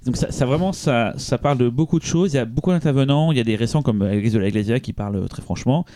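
A man's voice: medium pitch, fast, warm tone, no room sound. A man co-hosting a podcast, presenting a film in casual chat with frequent restarts and hesitations. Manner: rambling, many restarts and hesitations.

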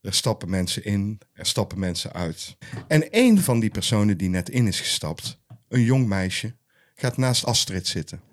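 A man's voice: on the low side, very animated, moderate pace. A man co-hosting a podcast, narrating an improvised story in short, scene-by-scene sentences. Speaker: podcast co-host.

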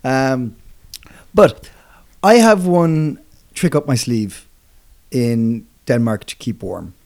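A young man in the middle of the male pitch range chats his way through a podcast for English learners. He trips over his own words, corrects himself on the fly and laughs easily at his co-host. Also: expressive, slow pace, vocal fry, a little mellow. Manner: rambling, self-correcting, laughs often. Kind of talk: casual chat explaining English phrases.

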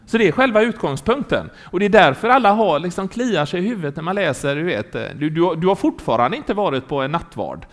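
A man delivers a sermon in an animated storytelling way. His voice swings widely up and down and sits a bit high for a man. He keeps turning to his listeners to ask if they are following. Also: hardly any pauses. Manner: animated storytelling preacher, asks the congregation questions. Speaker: preacher.

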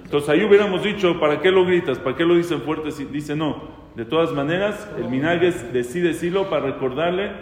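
A rabbi teaching a casual lesson on prayer law, talking conversationally, asking questions and quoting prayers aloud. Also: male voice, fairly high pitch, fairly quick, hardly any pauses, a little hiss or hum. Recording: echoey hall with faint ambience.

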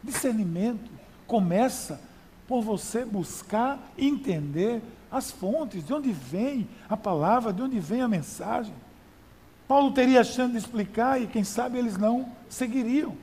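High-voiced man preaching in a hall. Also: animated, measured pace, warm tone, slight background noise. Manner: conversational preaching with rhetorical questions; repetitive emphatic phrasing. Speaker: pastor. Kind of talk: sermon.

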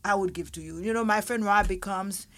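A woman's voice: medium pitch, a little fast, a bit bright. A woman from Haiti, a restaurant owner, chatting casually as a guest and often repeating her words. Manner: chatty, repeats words, tells little stories. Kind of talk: casual interview chat.

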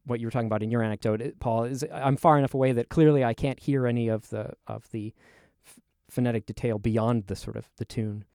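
A man's voice: medium pitch, fairly even intonation, fast talker, mellow, smooth, dry recording, clean studio sound. A man hosting a conversational academic interview, putting his questions in a slightly hesitant way. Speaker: interviewer, fellow linguist.

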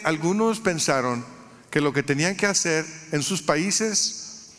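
Mexican-born pastor preaching in a reverberant hall. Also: male voice, a little high, fairly bright tone. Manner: earnest preaching with repeated lists and restarts. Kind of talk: sermon.

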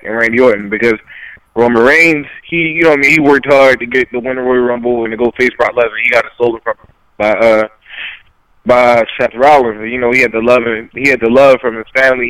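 A man co-hosting a casual podcast chat, rambling as he thinks out loud. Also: mid-range voice, no room sound, rough recording. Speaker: podcast co-host.

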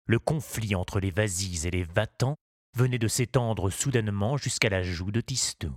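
A man narrating a children's story in a measured, expressive reading. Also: on the low side, no room sound, studio quality.

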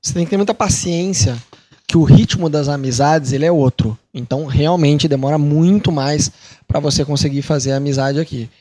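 Animated Brazilian man, fairly high voice. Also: moderate pace. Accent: Brazilian Portuguese. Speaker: missionary. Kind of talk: casual talk to camera.

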